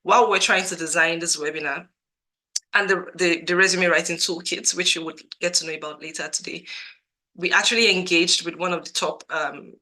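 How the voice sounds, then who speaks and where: In a rough recording from a computer mic on a video call, a woman from Nigeria leads a live career webinar as its host and career coach. She speaks briskly in a lowish, pushed, bright voice with fairly even intonation, earnest and repetitive for emphasis, her voice a bit cracked because she has a cold.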